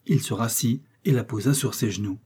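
A man narrates a classic novel in a calm, measured manner. His voice sits in a middle pitch with a dark, slightly husky grain. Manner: measured, even storytelling delivery. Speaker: audiobook narrator. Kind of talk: literary audiobook narration.

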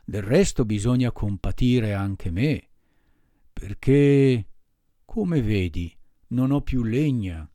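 A man voicing a gruff, blustering bearded puppet master with a raspy, rattling voice. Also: dark tone, dry recording, clean studio sound. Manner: blustering, booming and drawn out.

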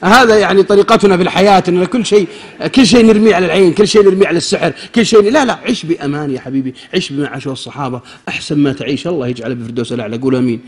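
Guy preaching fast n funny, husky high voice, acts out little scenes. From Saudi Arabia. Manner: animated, joking, acts out exchanges, swings between loud and soft. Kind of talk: humorous sermon.

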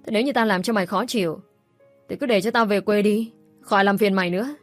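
A woman's voice: mid-range voice, fast talker, no room sound, lightly acted. A woman voicing a bitter, nagging middle-aged mother-in-law who scolds and accuses, in a dry recording with faint music behind.

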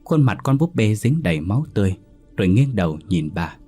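A man reads a horror story in a measured, dramatic way. His voice is low and husky, with faint music underneath. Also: big pitch swings, dark tone.

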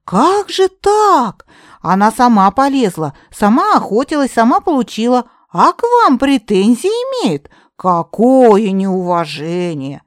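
A woman reader voicing a young heroine who speaks sweetly and flatters with exaggerated indignation. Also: medium pitch, unhurried, no echo, clean studio sound, voice pushed up. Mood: flattering.

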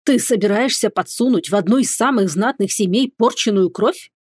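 A woman reading an audiobook, voicing a haughty male lord who talks in a slow, disdainful way. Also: medium pitch, husky, no room sound, clean studio sound, natural voice. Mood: scornful.

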